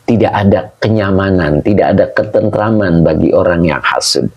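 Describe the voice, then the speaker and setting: Slow gravelly-voiced male religious teacher. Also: deep voice, dull audio, faint music behind. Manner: slow, explaining Arabic grammar, greeting viewers by name. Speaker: Islamic teacher. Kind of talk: live-streamed kitab study lesson.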